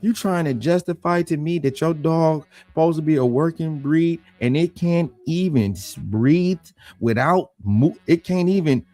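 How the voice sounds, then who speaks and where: A man's voice: unhurried, mellow, no room sound. Blunt, combative man ranting about dogs. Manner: blunt, combative, repeats rhetorical questions; voice rises high when worked up. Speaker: dog breeder and channel host. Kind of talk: heated casual monologue.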